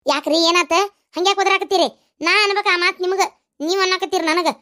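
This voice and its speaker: A woman's voice: very high-pitched, fairly even intonation, bright, forceful tone. A woman voicing a nagging middle-aged village wife in a cartoon, with a North Karnataka Kannada accent. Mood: angry, defensive. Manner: nagging, scolding rapid-fire. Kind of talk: cartoon comedy voice acting.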